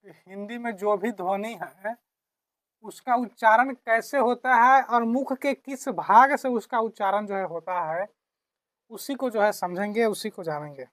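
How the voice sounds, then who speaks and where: A woman's voice: medium pitch, measured pace, no room sound, studio quality. A woman teacher explaining a grammar lesson, repeating key phrases and answering her own questions.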